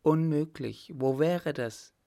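A man's voice: a little high, slow pace, gravelly, mellow, no room sound, studio quality, pitched above the performer's own voice. A man doing an anxious genteel mother.

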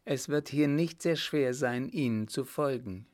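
A threatening accomplice in an audiobook story speaks curtly, pitched noticeably higher than the narration, as a man reads him. He issues warnings without raising his voice much. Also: measured pace, darkish tone, natural voice. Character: harsh male accomplice officer, threatening.

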